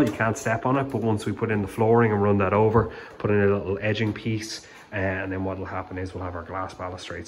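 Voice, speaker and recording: A home renovation vlogger from Ireland, with a fairly low voice, narrates a relaxed walkthrough of his unfinished house, explaining things with plenty of fillers. He records indoors on a handheld phone camera, and the bare rooms sound echoey with faint background noise.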